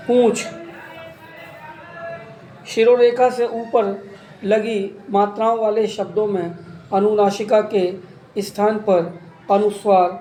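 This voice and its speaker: A man's voice: high voice, mellow, slight background noise. A man teaching an exam-prep grammar lesson, listing terms and examples one by one. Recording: echoey room with faint ambience.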